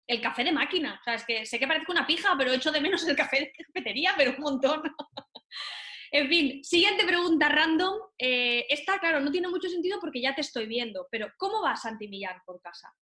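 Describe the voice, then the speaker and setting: A woman's voice: high voice, animated, bright, forceful tone. A woman from Valencia interviewing a guest in a playful, chatty way, firing off light questions. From Valencia, Spain. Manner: playful, chatty, quick to laugh. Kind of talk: casual interview chat. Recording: roomy echo.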